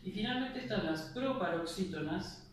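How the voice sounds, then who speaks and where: A man's voice: high voice, animated, moderate pace. Echoey, distant Argentine man teaching. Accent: Argentine Spanish. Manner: patient explaining, checks in with a questioning "sí?" after each point. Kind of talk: classroom lecture. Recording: very echoey room, voice far from the mic, faint noise.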